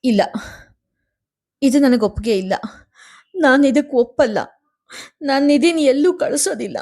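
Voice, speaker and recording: A woman reading a family storybook, voicing a tearful young mother whose voice goes high and strained as she pleads. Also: unhurried, a little mellow. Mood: refusing.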